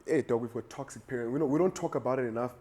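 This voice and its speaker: A man's voice: medium pitch, very fast, darkish tone. A young South African man co-hosting a casual chat, earnest and reflective, calling his friend "dog". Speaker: podcast co-host.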